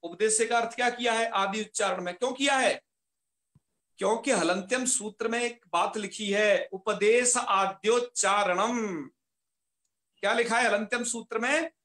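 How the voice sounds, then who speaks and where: Bright high-voiced male grammar teacher. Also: normal speed, echoey room. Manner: patient, repeats key terms and asks rhetorical questions. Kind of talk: online class lecture.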